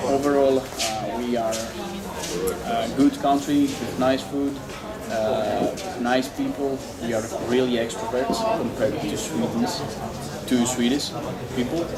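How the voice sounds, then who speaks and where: A man's voice: mid-range voice, echoey room. Hesitant young man, crowd noise behind. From Greece. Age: 20s. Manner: hesitant, many fillers and restarts. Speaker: interviewee, exchange student. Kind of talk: casual interview answers.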